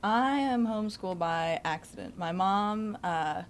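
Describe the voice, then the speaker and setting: A woman's voice: medium pitch, unhurried, slight background noise. An eighteen-year-old woman, a graduating homeschool student, giving matter-of-fact interview answers.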